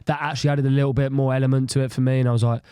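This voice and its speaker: A man co-hosting a podcast in casual chat, excitable and laughing often as he acts out reactions. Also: medium pitch, rapid-fire, smooth, no room sound, clean studio sound. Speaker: podcast co-host.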